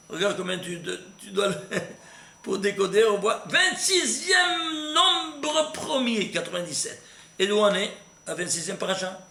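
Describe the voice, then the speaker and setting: A man teaching a recorded Torah class, animated and constantly quizzing his listeners with questions. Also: high-pitched, vocal fry. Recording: echoey room with faint noise.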